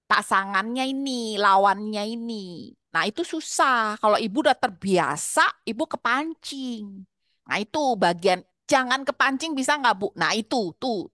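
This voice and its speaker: A middle-aged woman gives frank, explanatory advice to a mother. Her voice sits a little high and sounds bright, recorded dry and close. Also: no echo. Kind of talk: advice conversation.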